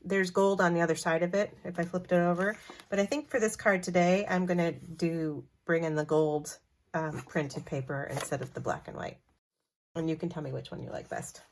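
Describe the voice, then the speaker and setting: A woman's voice: fairly low pitch, fairly even intonation, normal speed. A woman hosting a card-making tutorial, talking in a chatty, friendly way with fillers and self-corrections. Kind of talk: casual craft tutorial.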